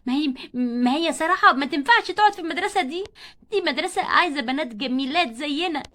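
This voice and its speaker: A woman's voice: high-pitched, lively intonation, quick pace, bright, forceful tone. A woman voicing sneering schoolgirl bullies. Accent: Egyptian Arabic. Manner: sneering, mocking. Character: mean, gossiping schoolgirl bullies.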